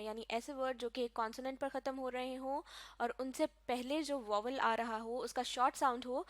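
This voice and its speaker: A woman's voice: on the high side, no echo. A woman teaching English grammar in a recorded lecture, explaining patiently step by step and spelling words out letter by letter. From Pakistan.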